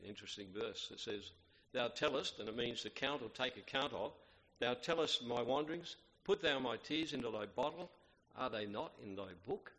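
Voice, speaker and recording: A man reading scripture aloud and preaching a sermon in a measured, reverent way, pausing with fillers and restarts as he explains. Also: mid-range voice, fairly bright tone. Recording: long hall reverb.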